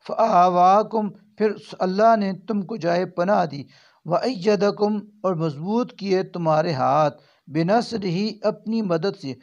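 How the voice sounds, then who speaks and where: Man, high voice, verse-by-verse scripture translation, measured phrasing, slightly muffled sound. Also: vocal fry, a little mellow. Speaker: translation reader.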